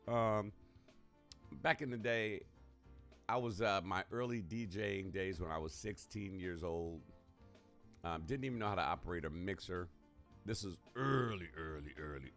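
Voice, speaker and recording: A man hosting a live radio show, talking casually and colloquially and laughing often. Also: low-pitched. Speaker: radio host.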